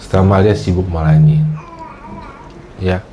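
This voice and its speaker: A man preaching a sermon as pastor, lively and joking, acting out the prayers he quotes and often addressing his listeners directly. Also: deep voice, moderate pace, a little hiss or hum.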